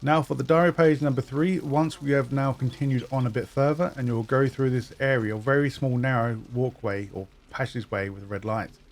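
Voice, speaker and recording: Speaking at normal speed with few pauses, a man with a mid-range voice narrates a game walkthrough. He is a gaming guide narrator who explains item locations step by step, keeping his commentary steady and instructive.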